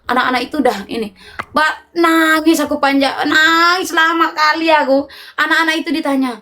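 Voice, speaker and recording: A woman telling a personal story to her livestream viewers in a casual, animated, emotional way, often laughing. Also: high-pitched, fairly quick, a little hiss or hum. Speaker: livestream host.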